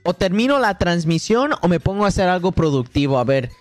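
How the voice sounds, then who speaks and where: A man livestreaming late at night, reading chat aloud and joking back in a relaxed, casual way, switching between Spanish and English. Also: high voice, a little fast, dry recording, faint music behind.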